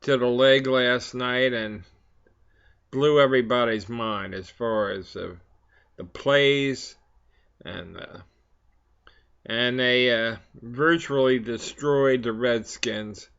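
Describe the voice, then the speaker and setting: A vlog host speaks slowly and unhurriedly in a medium pitch, his tone a bit bright, clear and resonant. He rambles casually like a pipe smoker chatting between puffs, halting and hesitant with frequent long pauses. The recording sounds a little dull and lo-fi.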